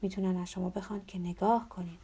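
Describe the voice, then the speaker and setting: A woman's voice: mid-range voice, little pitch movement, creaky, mellow, slightly rough. A woman doing a weary old priest. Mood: gentle. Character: weary, gentle older male prison priest.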